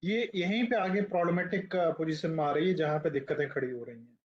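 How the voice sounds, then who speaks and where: A male teacher giving a classroom lecture who explains points slowly, writes on the board and puts questions to the class. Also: a little high. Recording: dull lo-fi classroom recording.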